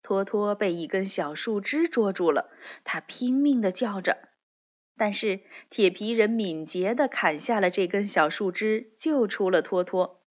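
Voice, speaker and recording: Woman narrating a children's story, slow and breathy, expressive. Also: mid-range voice. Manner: slow, gentle, expressive reading. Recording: dull lo-fi recording.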